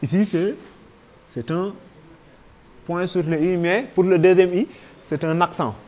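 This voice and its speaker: A man's voice: high-pitched, a little slow, darkish tone. A man with a Senegalese French accent teaching a grammar lesson, patiently spelling out verb forms one by one.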